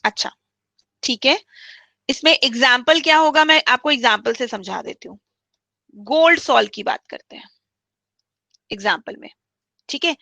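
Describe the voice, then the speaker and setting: Bright high-voiced woman teaching chemistry. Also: normal speed, creaky, pauses often, no room sound. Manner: explains step by step, repeats key points; mixes English terms into speech. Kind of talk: online class lecture.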